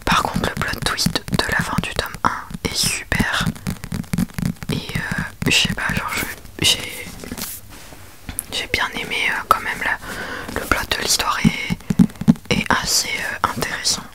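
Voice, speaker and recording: A young adult woman chatting informally about books in a soft, breathy library whisper for ASMR, hesitant and often trailing off mid-phrase. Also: slow pace, long pauses. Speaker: ASMR book reviewer. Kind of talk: whispered ASMR book chat.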